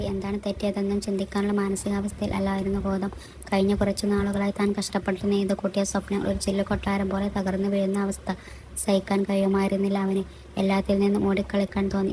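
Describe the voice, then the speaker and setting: A woman narrating a romantic story in a soft, steady reading voice. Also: medium pitch, slight background noise.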